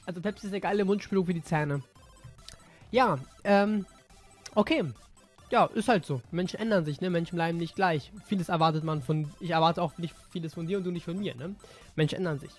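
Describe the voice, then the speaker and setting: A man's voice: high-pitched, fairly quick. Male gaming vlogger, casual, slangy, offhand, faint music behind. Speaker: gaming YouTuber. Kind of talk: casual vlog, reading out messages.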